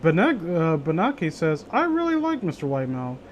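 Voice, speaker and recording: A man with a slightly high voice talks briskly, his pitch swinging wildly, on a muffled recording with a bit of background noise. He's a streamer hosting a group story reading, chatting casually in a rambling, opinionated way and swearing a lot.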